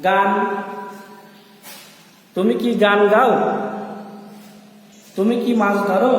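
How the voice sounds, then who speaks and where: A male schoolteacher from Bangladesh giving a grammar lesson, repeating phrases slowly and asking the class questions. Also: high-pitched. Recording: echoey hall from far off.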